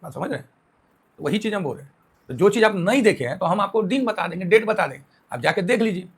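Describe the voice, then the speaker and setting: A man talks through market news in a casual, chatty way. His voice sits a little higher than most men's. He leans on homely comparisons and keeps throwing questions back at the listener. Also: lively intonation, fast, husky. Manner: chatty, explains with homely analogies, rhetorical questions to viewers. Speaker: stock market commentator.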